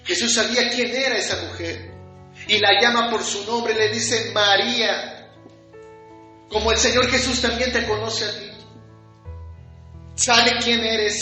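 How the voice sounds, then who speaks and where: Fervent high-voiced preacher in echoey room. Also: male voice, sharp tone. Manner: fervent, repetitive preaching with quoted dialogue. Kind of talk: sermon. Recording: very echoey room with faint music.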